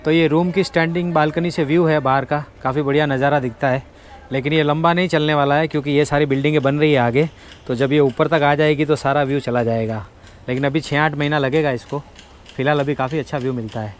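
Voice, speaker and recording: There's a little hiss or hum as this vlogger talks quickly in a slightly high voice with fairly even intonation. He's an Indian man in his thirties who grew up in Rajasthan, casually guiding viewers room by room through his apartment on a handheld phone in a house tour vlog.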